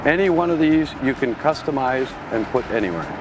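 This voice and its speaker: Male plant tour presenter, mid-pitched, plain-spoken product explainer with music clearly underneath. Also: expressive, brisk. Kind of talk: explanatory promotional product walkthrough.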